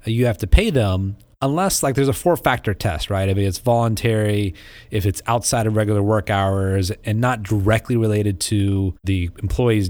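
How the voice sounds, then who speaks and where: Lowish-voiced man co-hosting a podcast. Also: a little mellow, dry recording. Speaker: podcast co-host. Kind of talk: casual podcast chat.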